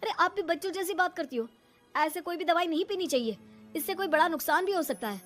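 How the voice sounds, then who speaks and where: Woman doing a calm, reasoning young husband. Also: very high-pitched, fast talker, faint music behind, voice pushed up. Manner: reasoning, scolding calmly. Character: grown son, a young married man. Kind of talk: animated storybook voice acting.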